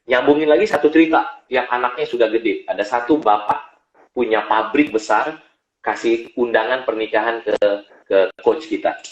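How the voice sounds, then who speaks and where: A man's voice: medium pitch, moderate pace. A business coach tells his stories with a lot of animation, often acting out the voices of the people in them. He is a man with a mid-range voice. The recording is echoey and a little dull. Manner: animated storyteller, acts out quoted voices. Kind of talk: storytelling interview talk. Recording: echoey, dull-sounding room.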